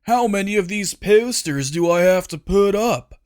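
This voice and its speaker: A man's voice: high-pitched, lively intonation, a little slow, darkish tone, clear, resonant tone, pitched above the performer's own voice. A man doing a whiny, sly henchman. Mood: whining. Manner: whining, falsely compliant.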